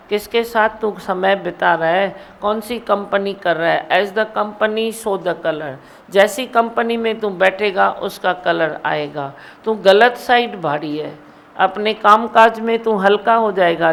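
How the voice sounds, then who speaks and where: In a satsang hall, a woman guru delivers a sermon, scolding and teasing her listeners and mimicking their mumbling. Her voice is medium-pitched with vocal fry.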